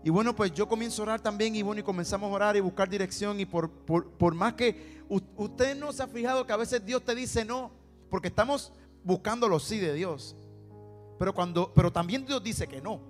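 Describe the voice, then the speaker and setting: A preacher and singer from Puerto Rico, speaking with a Puerto Rican Spanish accent, shares his personal testimony as a sermon in a church sanctuary, telling his story, acting out the dialogue, and repeating words for emphasis. His voice is high-pitched and fairly quick. Long hall reverb and faint music fill the recording.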